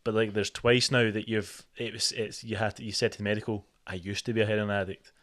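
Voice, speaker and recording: A man's voice: on the low side, level tone, quick pace, a bit bright. A man, hosting a podcast in casual, rambling chat full of fillers. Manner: rambling, full of "like" and "you know". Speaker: podcast host.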